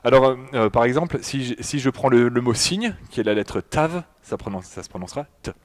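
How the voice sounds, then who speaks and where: A man's voice: mid-range voice, animated, fairly quick. Hesitant French man giving a lecture. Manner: hesitant, many fillers and restarts, addresses audience. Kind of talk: public talk with slides. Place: public hall in front of an audience.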